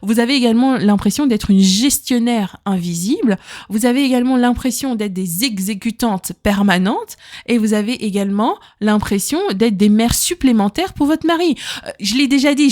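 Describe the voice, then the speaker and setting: A woman's voice: medium pitch, normal speed, darkish tone. A young adult woman hosting a podcast, giving casual advice to listeners in an emphatic way, often adding "hein" and repeating her words. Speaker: podcast host.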